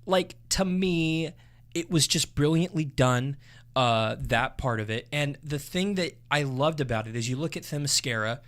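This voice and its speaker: An excitable young man co-hosting a movie podcast, his voice bright and ringing. He talks with a fan's enthusiasm and plenty of swearing. His level jumps from loud bursts to quiet asides. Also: on the high side, moderate pace. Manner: excitable, profane, swings loud and soft. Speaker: podcast co-host. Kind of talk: casual movie review chat.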